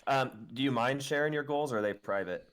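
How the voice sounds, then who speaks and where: A man's voice: medium pitch, fairly quick, fairly bright tone. A man guesting on a casual podcast over a video call, telling stories animatedly and mimicking others. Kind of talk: casual chat.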